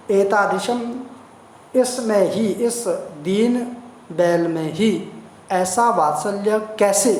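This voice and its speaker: Slow, echoey Sanskrit teacher. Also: mid-range voice. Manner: glosses each word slowly, repeats meanings. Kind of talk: line-by-line translation lesson. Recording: roomy echo, faint noise.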